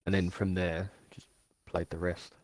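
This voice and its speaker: A man chatting on a gaming stream, hesitant and laid-back as he gathers his thoughts. His voice is very deep. The sound is dry and close to the mic. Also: little pitch movement, a little slow, a little mellow, dry recording. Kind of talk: casual chat on a gaming stream.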